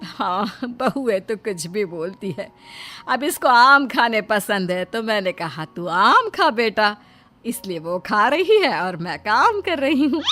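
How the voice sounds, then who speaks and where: A woman's voice: mid-range voice, big pitch swings, slow, bright, forceful tone, soft background music, exaggerated voice. A woman voicing a scolding, nosy middle-aged mother-in-law in a cartoon, with nagging outbursts. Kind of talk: Hindi cartoon voice acting.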